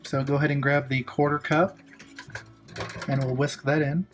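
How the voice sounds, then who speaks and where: A man's voice: on the high side, little pitch movement, moderate pace, faint music behind. A man hosting a casual cooking demonstration, giving laid-back, chatty instructions with joking asides. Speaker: cooking show host. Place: kitchen, at the stove and counter.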